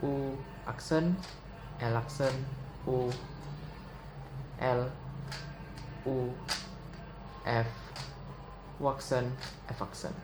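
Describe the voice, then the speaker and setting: A young man gives a casual step-by-step puzzle tutorial. He talks in a relaxed way and calls out move notation one move at a time. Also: medium pitch. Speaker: Rubik's cube tutor. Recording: echoey room with audible noise.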